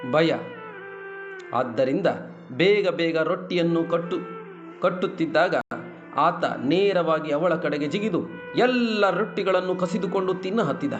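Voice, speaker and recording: A man reading a literary short story aloud in a measured, expressive way. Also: a little high. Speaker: story reader. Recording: dull lo-fi, faint music.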